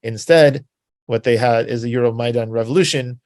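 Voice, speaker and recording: A man's voice: mid-range voice, moderate pace, darkish tone, no echo. A man giving an informal spoken history talk, rambling and conversational, full of filler words and tag questions. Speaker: presenter.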